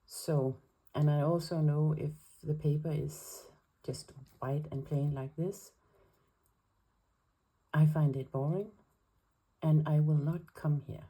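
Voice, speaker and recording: In a rough recording, a Danish-accented woman speaking English as her second language chats as a planner vlogger while preparing her weekly planner. Her low, dark voice has a breathy edge and a steady tone, and she takes it slowly, hesitant and careful with many fillers.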